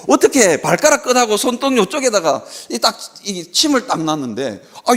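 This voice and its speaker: A male pastor preaching a sermon at a Friday worship service in a church. He tells stories with animation and asks rhetorical questions. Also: sits high.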